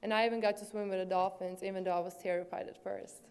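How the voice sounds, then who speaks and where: A woman in her twenties from Serbia, with a Serbian accent, giving an earnest prepared speech at a banquet as a student athlete, speaking with a swollen lip and pausing on fillers. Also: medium pitch, flat delivery, gravelly, a little mellow, a little hiss or hum. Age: 20s.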